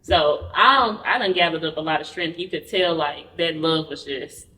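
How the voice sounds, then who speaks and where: Woman, podcast guest, frank storytelling, slightly low voice, echoey room. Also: moderate pace, sharp tone. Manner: frank, acts out quoted dialogue while recounting. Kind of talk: candid personal storytelling. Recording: roomy, distant mic.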